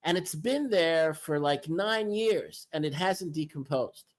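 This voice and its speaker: A man in his fifties chatting casually outdoors, halting and full of fillers and restarts. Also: fairly high pitch, expressive, rough recording. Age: 50s. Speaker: homeless livestream regular. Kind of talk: casual chat on a livestream.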